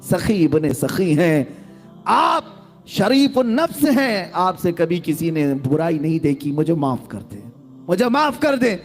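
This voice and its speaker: A male preacher voicing a greedy man who begs for mercy, repeating his pleas in a high voice. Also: expressive, soft background music, lightly acted. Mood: pleading. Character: greedy pursuer begging for mercy, adult man.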